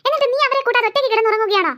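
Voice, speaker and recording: A sharp-tongued cartoon mother scolds and mocks her daughter. The voice sits very high and sounds bright and sharp. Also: rapid-fire. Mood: scolding. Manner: scolding, sarcastic. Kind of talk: cartoon voice acting.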